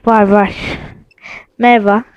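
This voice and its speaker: A woman's voice: medium pitch, level tone, takes it slowly, clear, resonant tone, no echo, muffled recording. A young woman vlogging at home with her phone while she plays a ghost-hunting app, jumpy and nervous, saying again and again that she is scared. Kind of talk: casual vlog, playing a ghost-hunting app. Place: at home, in a house.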